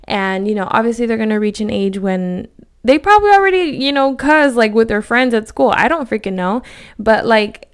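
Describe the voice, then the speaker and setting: A woman's voice: fairly high pitch, animated, moderate pace, clear, resonant tone. A woman in her thirties hosting a casual solo podcast, chatting loosely with many "like" fillers and dropping Spanish words. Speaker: podcast host.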